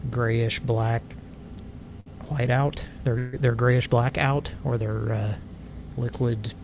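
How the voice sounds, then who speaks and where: Slow, gravelly man rambling jokingly. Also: medium pitch, noisy background. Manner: meandering, self-interrupting, irreverent jokes. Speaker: livestream show host. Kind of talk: rambling comedic live chat.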